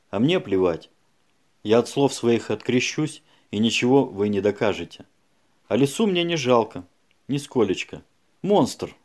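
A man's voice: mid-range voice, darkish tone, close to an everyday voice. A man voicing a frightened young woman suspect who pleads in broken phrases in an audiobook.

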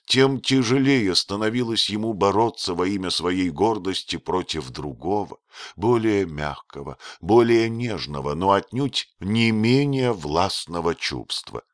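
Deep-voiced male audiobook narrator. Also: no echo, clean studio sound.

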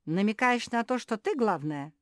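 Woman doing a shrill furious dog servant. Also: lively intonation, moderate pace, dry recording, studio quality, natural voice. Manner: shouting, indignant, scornful.

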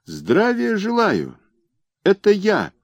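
A man voicing a fawning, bankrupt male merchant who pleads in a high nasal whine. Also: wildly swooping pitch, slow pace, no room sound, studio quality, heavily acted. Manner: groveling, wheedling.

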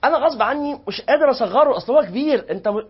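Rapid, husky Egyptian preacher. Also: male voice, extremely high pitch, highs cut off. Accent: Egyptian Arabic. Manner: lively storytelling that acts out both sides of quoted dialogue. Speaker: religious teacher. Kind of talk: lecture to a live class.

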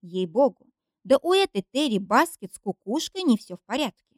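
Expressive woman narrating an audiobook. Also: a little high, moderate pace, no echo, studio quality. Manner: expressive, wry storytelling. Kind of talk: first-person audiobook narration.

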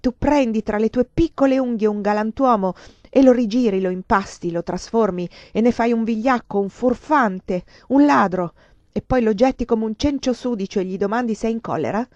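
A woman reading aloud, voicing a ruined, desperate man who shouts bitter accusations. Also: medium pitch, expressive, normal speed, no echo, lightly acted. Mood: furious. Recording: dull lo-fi dry recording.

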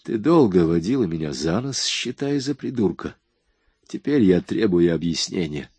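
A man's voice: low-pitched, big pitch swings, normal speed, a little mellow, slightly rough, dry recording, exaggerated voice. A man reading an audiobook voices a hardened young man who gives curt, commanding orders. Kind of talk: audiobook dialogue.

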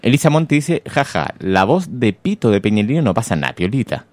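A lowish, slightly mellow male voice, very animated and brisk, with no echo. He is a radio host with a Chilean accent giving casual morning commentary, wry about politics, and reading out listener notes.

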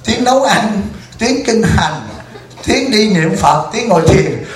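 A man's voice: high-pitched, animated, takes it slowly. A man voicing the Buddha Amitabha as a weary old male deity who complains with exasperation in an echoey hall. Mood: lamenting. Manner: lamenting, exasperated, half-joking.

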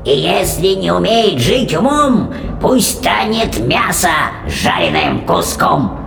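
A shrieking, snarling old witch queen, put on by a man reading a storybook. Her gravelly voice swoops wildly up and down as she draws her words out slowly and menacingly. Faint music plays beneath her. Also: huge pitch swings, exaggerated voice. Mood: menacing chant. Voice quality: shrill, snarling. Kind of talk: audiobook character voice.

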